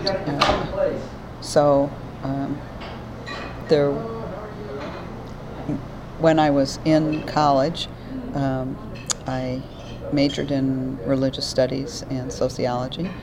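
Older clergywoman in her 70s, very low voice, halting and reflective, noisy hiss behind. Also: level tone. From New York State. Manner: thoughtful, halting with many fillers. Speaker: retired pastor. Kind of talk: oral history interview.

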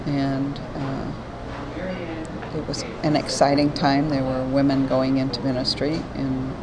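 A woman in her seventies from New York State, a retired pastor, thinking aloud slowly with many pauses and fillers in an oral history interview. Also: rumbling low, monotone, a crowd in the background. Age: 70s. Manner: thoughtful, halting with many fillers. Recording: noisy background hiss.

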